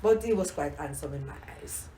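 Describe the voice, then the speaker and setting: With a low voice, lively intonation and a slightly fast pace, a Jamaican grandmother warmly revisits old times in her Jamaican accent. The casual oral history interview, recorded in an echoey room with slight background noise, is peppered with her repetitions and "you know"s.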